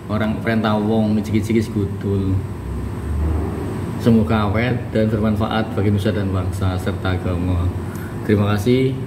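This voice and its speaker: A man's voice: fairly low pitch, fairly even intonation, normal speed. Javanese guy unboxing stuff, chatty, preachy bits, echoey little room, noisy. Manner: chatty, preachy asides, laughs often. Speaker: vlogger. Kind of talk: casual unboxing vlog. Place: small indoor room with bare walls. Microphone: phone camera at arm's length. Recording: echoey room, distant mic, background noise.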